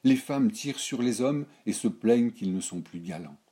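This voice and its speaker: A man's voice: fairly low pitch, expressive, normal speed, dark tone, pitched above the performer's own voice, lightly acted. A man voicing an indignant, worldly old grandmother of noble birth who lectures her granddaughter in a scornful, declamatory way in a storybook reading.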